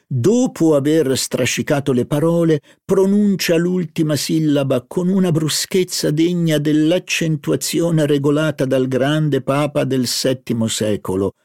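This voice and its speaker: A man reading a literary novel aloud as audiobook narration, in a measured, deliberate way. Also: fairly high pitch, a little mellow, no room sound, studio quality. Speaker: audiobook reader. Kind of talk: scripted narration.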